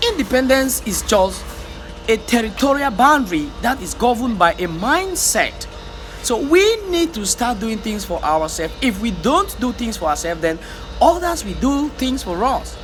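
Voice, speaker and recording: This African vlogger's voice is very high and very animated, fairly bright in tone, with a measured pace and soft background music. In his fervent motivational monologue he keeps exhorting and repeating himself, stammering whenever he gets heated.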